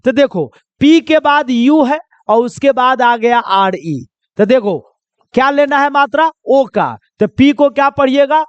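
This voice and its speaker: A man's voice: very high voice, animated, clean tone, no echo, dull audio. A male pronunciation teacher giving a lesson, asking a question and then answering it himself, and repeating key points. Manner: spells words out slowly. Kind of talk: classroom lesson.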